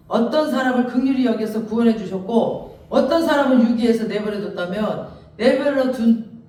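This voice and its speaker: A high-voiced male pastor preaching a Bible-exposition sermon, animated and storytelling, acting out the speeches of the figures he quotes. He sounds set back from the microphone, and his voice rings through a strongly echoing church hall. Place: church sanctuary. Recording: echoey church hall, mic at a distance.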